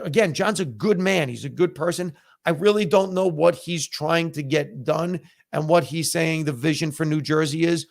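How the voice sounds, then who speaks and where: A middle-aged American man, Italian his first language, talks in a slightly high, creaky voice. A comedian and podcast host, he's on a casual live-stream chat, giving candid opinions conversationally with lots of fillers.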